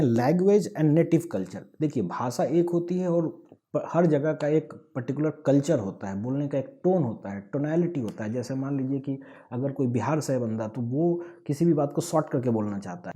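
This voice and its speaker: Very dark-voiced Bihari man explaining. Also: mid-range voice. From Bihar, India. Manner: earnest, points listed one by one. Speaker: speaker of a language-awareness movement. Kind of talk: explanatory talk.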